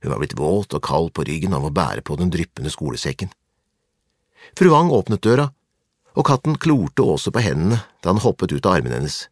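A man reading a children's storybook aloud in a calm, measured way. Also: low voice, no echo, studio quality. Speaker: narrator.

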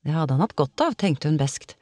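A woman narrating a novel in an expressive, dramatic audiobook reading. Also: low voice, no room sound.

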